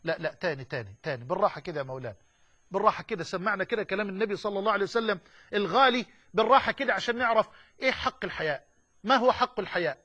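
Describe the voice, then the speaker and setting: High-voiced fervent Egyptian preacher. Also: male voice, lively intonation, very fast, pushed and bright, highs cut off. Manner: fervent, emphatic preaching mixing classical and colloquial speech. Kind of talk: sermon.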